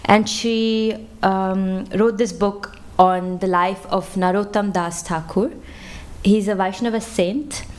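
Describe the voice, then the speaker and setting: A woman's voice: mid-range voice, steady tone, slow pace. Conversational woman giving a temple lecture. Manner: warm and conversational, with fillers. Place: temple hall.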